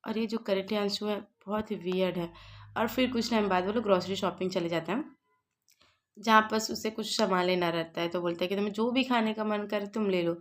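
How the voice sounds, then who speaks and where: A woman's voice: mid-range voice, steady tone, fairly quick. A woman casually recapping a story in a chatty way, dropping English words into her speech. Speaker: story explainer.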